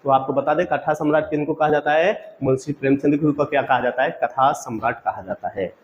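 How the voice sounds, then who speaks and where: A man's voice: medium pitch, brisk, lo-fi sound, a little hiss or hum. A male exam-prep teacher giving a quiz-style lecture. He asks each question, gives the answer, then asks again so the students repeat it, and keeps calling the audience friends.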